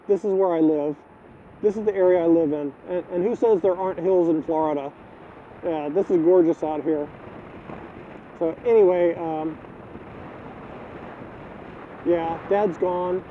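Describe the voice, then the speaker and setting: Grieving middle-aged man, high voice, halting speech, tinny phone-like audio. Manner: halting, repeats words, grieving. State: choked up. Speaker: vlogger. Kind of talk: personal video diary. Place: outdoors, filming the neighborhood. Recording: tinny phone-like audio, faint wind noise.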